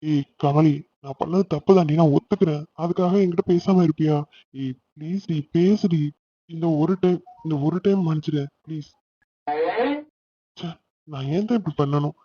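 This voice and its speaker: A man's voice: on the high side, moderate pace, pauses often, breathy edge, muffled recording. A man voicing a remorseful young husband in a cartoon, apologetic and pleading.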